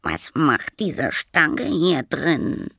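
A man voicing a tiny squeaky creature that lives inside a door lock. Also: very animated, pushed and bright, slightly rough, dry recording, clean studio sound, heavily acted. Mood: puzzled. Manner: high squealing yelps, then slow puzzled questions.

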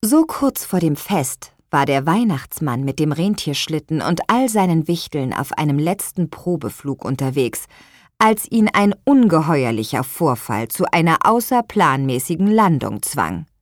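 A woman narrates a children's audiobook in a fairly low voice that still moves animatedly. She tells the story expressively and slows down for suspense. The studio sound is dry and close. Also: sing-song, no room sound.

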